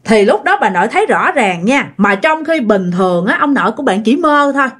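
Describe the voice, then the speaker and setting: A woman's voice: a little high, very animated, a little fast, a bit bright, breathy edge. A woman with a Southern Vietnamese accent telling a ghost story in a chatty way, talking directly to her listeners.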